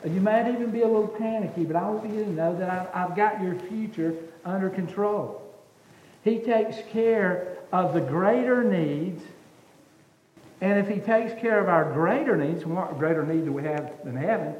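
A man's voice: high voice, normal speed, darkish tone, muffled recording. A man preaching a sermon as pastor, earnest, repeating words and asking rhetorical questions. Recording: echoey hall with faint noise.

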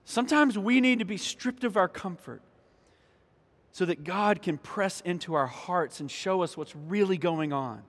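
A pastor preaching a sermon in a church, emphatic, repeating key lines and speaking directly to the congregation. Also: male voice, sits high, lively intonation, unhurried, a bit bright. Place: church sanctuary. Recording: long hall reverb.

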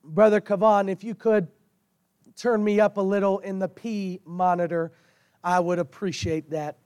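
Hoarse, high-pitched male preacher. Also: fairly even intonation, darkish tone, no room sound. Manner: drawn-out, emphatic delivery with repeated phrases. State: hoarse, losing his voice while recovering from illness. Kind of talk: sermon and prayer to a congregation. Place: speaking to a congregation through a sound system with monitor.

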